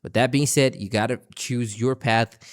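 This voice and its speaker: A man's voice: medium pitch, fairly even intonation, normal speed. Brazilian guy with an accent, reaction streamer, blunt and sweary, average voice. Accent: Brazilian Portuguese. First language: Portuguese. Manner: blunt, sweary, exasperated asides. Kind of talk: casual reaction commentary.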